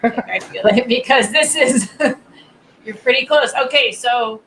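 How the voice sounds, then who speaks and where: A woman's voice: a little high, slow pace, fairly bright tone. A young adult woman, a podcast guest, chatting frankly and bluntly with frequent laughs. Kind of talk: casual chat. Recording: echoey room with faint hum.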